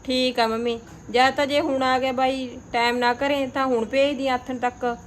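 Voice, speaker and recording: A woman's voice: high-pitched, level tone, moderate pace, reverberant, slight background noise, close to an everyday voice. An actress playing a young married village woman with a Punjabi accent, complaining about her mother-in-law. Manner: aggrieved complaining, plain rural talk.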